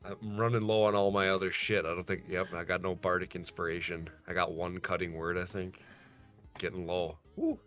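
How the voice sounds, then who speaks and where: Low-voiced male player, laid-back delivery, faint background music. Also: normal speed. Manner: relaxed, slips into gruff in-character threats. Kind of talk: casual tabletop chat.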